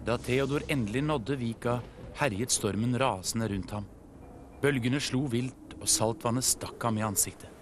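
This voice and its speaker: A man from Norway narrating a children's TV story in an animated storytelling way. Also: medium pitch, noisy background. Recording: music playing behind.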